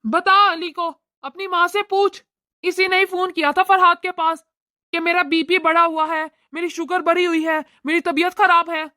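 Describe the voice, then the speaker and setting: This is a scolding cartoon father, voiced by a woman. He lectures his wife and daughter in a very high, bright voice. The sound is dry and close to the mic. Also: little pitch movement, normal speed, dry recording. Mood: stern. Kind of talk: cartoon voice acting.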